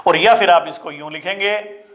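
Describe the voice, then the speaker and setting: A man teaching a spelling lesson to exam students, repeating each word slowly and calling his listeners children. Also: sits high, fairly bright tone. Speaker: Hindi teacher.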